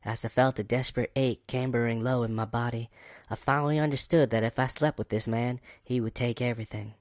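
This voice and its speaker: A woman's first-person romance narration, read aloud by a man in a slightly raised voice. He uses a mock Texas accent and keeps a steady, mid-pitched reading pace. The recording is dry and close. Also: brisk, no room sound, natural voice. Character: woman narrating her own romance story.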